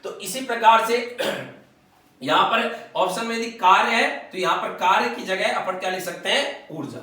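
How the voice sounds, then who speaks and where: A man teaching physics at a board for exam students, asking questions and answering them himself, dropping his voice low on each answer. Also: moderate pace, recorded from a distance. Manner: drops to a low quiet voice on answers. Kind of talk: whiteboard exam-prep lecture. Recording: echoey room, voice off-mic.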